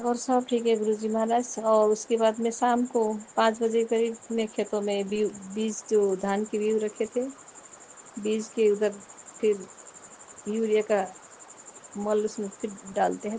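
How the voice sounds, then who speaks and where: Woman in devotional talk, flat, mellow. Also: medium pitch, measured pace, slight background noise, low-quality recording. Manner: rambling, homely, repeatedly addresses the guru. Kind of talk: personal devotional talk addressed to a guru.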